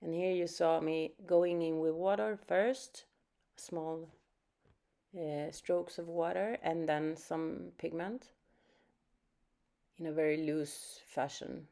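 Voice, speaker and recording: This is a low-pitched, creaky female voice, slow and steady in tone, with frequent pauses. The speaker, a Swedish art teacher from Sweden, gives an unplanned watercolor painting lesson in English with a Swedish accent, soft-spoken and thinking aloud with fillers.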